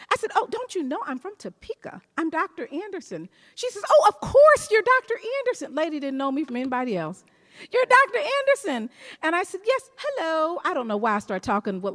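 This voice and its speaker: A woman superintendent giving a motivational commencement speech on stage, telling stories and repeating key phrases for emphasis. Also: a little high. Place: large performing arts hall, on stage. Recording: long reverb of a large hall.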